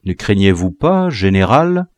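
A man voicing a sly male rebel officer who reports in a very low, quiet voice, in a slow, dry reading. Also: very animated, no echo. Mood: worried. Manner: speaks very quietly.

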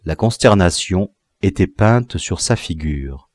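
A man reading a classic novel aloud as an audiobook narrator, in a measured, expressive way. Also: sits low, no room sound. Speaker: audiobook reader.

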